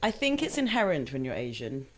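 A woman's voice: a bass voice, very animated, brisk, crowd noise. A young woman from Hong Kong chatting casually while she cooks, laughing often. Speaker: home cook guest. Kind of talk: casual chat while cooking.

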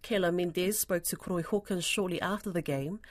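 A woman's voice: fairly low pitch, fairly quick. A woman news presenter reading a scripted sports report.

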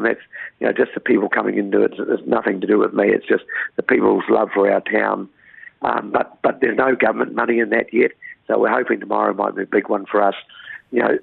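Over a tinny, dry phone line with no room sound, a New Zealand mayor gives an interview in a fairly low, croaky, gravelly voice. He comes across as earnest, though he rambles and keeps repeating and restarting words.

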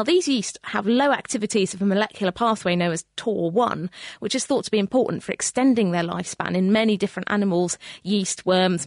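A British woman presenting a science show in a bright, curious, chatty way, reading scripted items with casual, jokey asides. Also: medium pitch, no room sound, studio quality.

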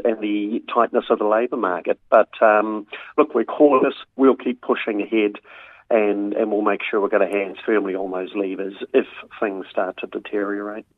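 Through phone-like, narrow audio, a man gives an interview answer as a chief executive. His voice is fairly low and very flat in intonation. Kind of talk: interview soundbite.

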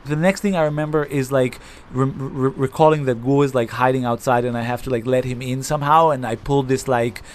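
A man's voice: medium pitch, steady tone, a little fast, slight background noise. A man from Israel, a journalist, recalling events in a chatty way full of fillers. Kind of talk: casual interview recollection.

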